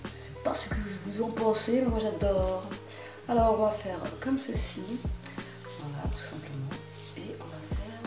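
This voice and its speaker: A woman's voice: medium pitch, normal speed. A woman chats away in loose, slangy street talk as she films herself dyeing her hair at home at night, poking fun at herself as she goes. Her voice carries a roomy echo. Faint music plays behind her. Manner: slangy, chatty, self-mocking. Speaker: beauty vlogger. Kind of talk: casual vlog chat while dyeing her hair.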